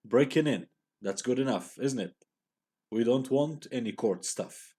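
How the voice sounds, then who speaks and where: A man reading aloud the lines of a teenage boy who leads a gang, sounding quick, questioning and slightly scornful. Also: medium pitch, expressive, mellow, breathy edge. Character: teenage boy gang leader, proud but uneasy.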